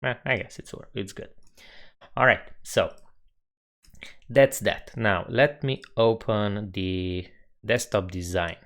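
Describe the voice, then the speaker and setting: A young man with a Romanian accent talks through his code on a live stream, slowly and in an easygoing way. His voice sits fairly low, and he muses aloud while he works at his desk mic. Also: fairly bright tone. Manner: unhurried, musing, reads chat aloud. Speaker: coding streamer.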